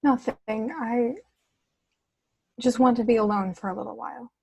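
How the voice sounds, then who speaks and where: A troubled young princess, played by a woman, tender and guarded. The voice is fairly high and a little rough, in a film script table read over a video call. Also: steady tone, moderate pace, darkish tone. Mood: upset, withdrawn.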